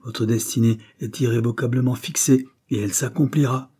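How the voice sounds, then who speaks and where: Man doing a cold young duke, firm and measured, dark husky tone. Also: medium pitch, fairly even intonation, natural voice. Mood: stern. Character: stern young male duke, implacable.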